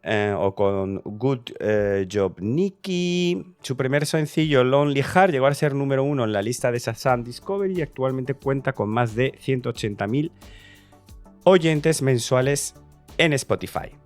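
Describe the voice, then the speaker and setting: A man's voice: mid-range voice, animated, measured pace, clear, resonant tone, dry recording, faint music behind. A man from Spain chatting enthusiastically as he reacts to a song contest entry, casual and talkative. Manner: chatty, enthusiastic, restarts and fillers. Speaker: Eurovision reaction youtuber.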